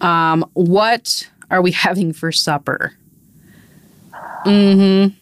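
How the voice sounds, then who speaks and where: A woman's voice: lowish voice, steady tone, drawn-out words. A woman co-hosting a podcast, chatting casually and laughing often as she tells stories about her young daughter. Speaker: podcast co-host. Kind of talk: casual chat.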